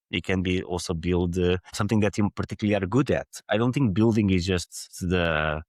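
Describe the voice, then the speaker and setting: A man's voice: sits low, dry recording, clean studio sound. A man from Portugal with a Portuguese accent, a podcast guest explaining his ideas earnestly and at length in run-on thoughts. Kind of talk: conversational interview.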